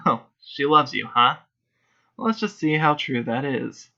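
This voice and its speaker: A man voicing a cruel, mocking female demon in a quiet, taunting tone. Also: medium pitch, lively intonation, a little slow, vocal fry, lo-fi sound, heavily acted.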